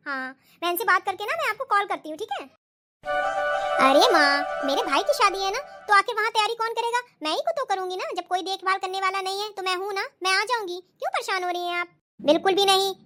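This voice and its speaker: A woman voicing a polite, dutiful young daughter-in-law in a cartoon, pleading and soft-spoken. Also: very high-pitched. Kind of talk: cartoon voice acting.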